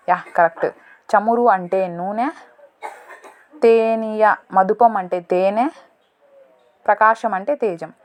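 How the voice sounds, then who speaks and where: A woman solving a word puzzle in a casual lesson, thinking aloud, slow and deliberate, correcting herself as she goes. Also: medium pitch. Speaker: teacher solving a crossword.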